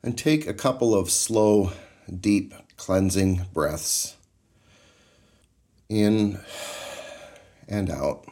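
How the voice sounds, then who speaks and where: Slow, deep-voiced man guiding meditation. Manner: calm, slow, measured, soothing. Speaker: meditation guide.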